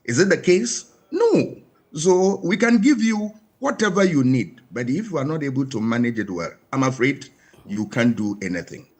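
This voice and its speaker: A man's voice: medium pitch, very animated, moderate pace, darkish tone, slightly rough. A man with a Ghanaian English accent, a panel guest giving emphatic commentary full of rhetorical questions.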